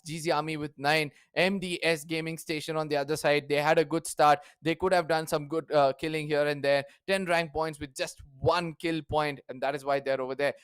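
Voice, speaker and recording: A man's voice: fairly high pitch, clear, resonant tone, no echo, clean studio sound. A young man, casting a live esports broadcast and reading out team standings. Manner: reads out standings with filler words. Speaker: esports caster.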